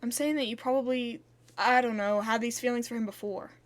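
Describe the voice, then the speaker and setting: A woman's voice: on the high side, steady tone, brisk, lightly acted. A woman voicing a blunt, teasing young male best friend, speaking in a matter-of-fact way. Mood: gentle.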